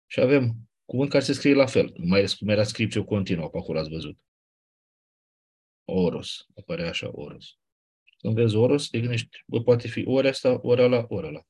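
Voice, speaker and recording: A man teaching a class, explaining step by step in a conversational way with quick asides. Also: medium pitch, animated, darkish tone, slightly rough. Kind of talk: classroom lecture.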